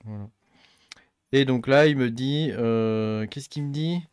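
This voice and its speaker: A man, middle-aged, hosting a casual tech tutorial, thinking aloud and filling pauses with many hesitations. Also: medium pitch, a little mellow, clear, resonant tone, no room sound. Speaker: tech channel host. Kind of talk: casual screen-recorded tutorial.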